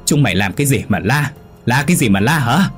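A man voicing a domineering old woman, the mistress of the house, who scolds and shouts at servants. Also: on the low side, moderate pace, breathy edge, soft background music. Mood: shrieking.

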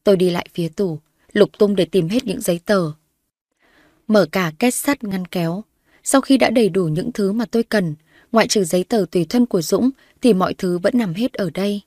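A woman narrating a dramatic first-person story in a steady voice, recorded dry. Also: mid-range voice, moderate pace, dry recording.

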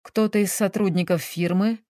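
Casting: a woman playing a calm, firm, ironic woman detective from an audiobook, dry close sound. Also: medium pitch, moderate pace, dry recording, close to an everyday voice. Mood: probing. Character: cool, composed female private detective.

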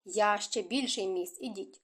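A woman voicing a stern young nobleman with a curt, gruff delivery in a storybook reading. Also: mid-range voice, unhurried, fairly bright tone.

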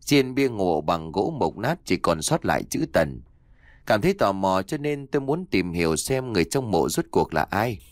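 A man's voice: deep voice, sing-song, normal speed, dry recording, studio quality. A man voicing a wise old exorcist master. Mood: calm instructive.

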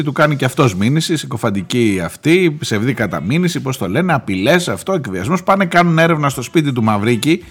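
Male radio host, chatty storyteller, lively swooping pitch, faint music underneath. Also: slightly rough. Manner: chatty storytelling with joking asides. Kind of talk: casual current-affairs commentary.

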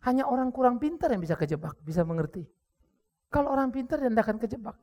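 A man with an Indonesian accent preaching a sermon, joking with the crowd and bursting into sudden shouts. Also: very high-pitched, fast. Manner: lively preaching with jokes, acted quotes and sudden shouts. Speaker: pastor.

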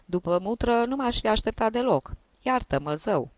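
A man's voice: sits high, lively intonation, dry recording, lo-fi sound, voice pushed up. A man voicing a stout middle-aged male wedding guest who teases bluntly. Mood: teasing.

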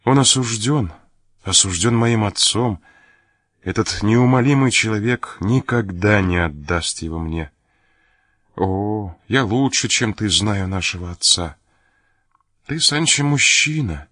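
A man reading the part of a gravely ill young noblewoman who speaks in a soft, pleading, tearful way. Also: fairly low pitch, takes it slowly, no room sound, studio quality. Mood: despairing.

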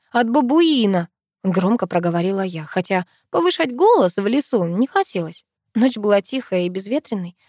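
A young woman narrating a first-person audiobook in a lively, expressive storytelling manner. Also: medium pitch, no echo, studio quality.

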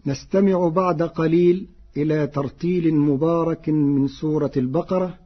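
A man from Egypt giving a formal radio lesson on Quran readings, measured, chanting the quoted verses slowly in a husky voice. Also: fairly high pitch, fairly even intonation. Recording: dull lo-fi radio broadcast recording.

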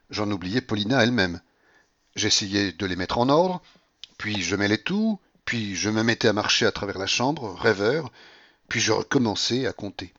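A man with a low voice narrates a classic novel in a measured, steady way. The recording is dull and very dry, with no room sound. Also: dry recording. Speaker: audiobook reader. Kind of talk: literary audiobook narration.

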